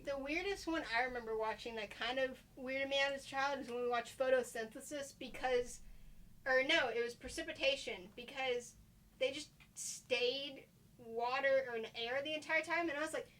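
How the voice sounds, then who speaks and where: A young woman telling rambling, animated stories as she hosts a casual podcast chat. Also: high-pitched, moderate pace. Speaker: podcast host.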